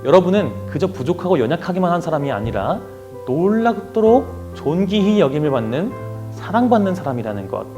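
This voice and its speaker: A young man delivers a youth sermon, his fairly high voice swinging up and down with earnest, emotive emphasis. Gentle instrumental music plays faintly behind him. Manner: earnest, emotive preaching with rising and falling emphasis. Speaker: youth pastor. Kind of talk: sermon and prayer.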